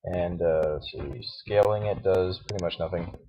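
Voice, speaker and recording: A man with a deep, groggy morning voice talks casually through a screen-recorded tutorial. He hesitates often, with fillers and restarts. His cheap mic sounds dull, with a faint hiss and mouse clicks behind him. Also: moderate pace. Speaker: tutorial host. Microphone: cheap computer microphone.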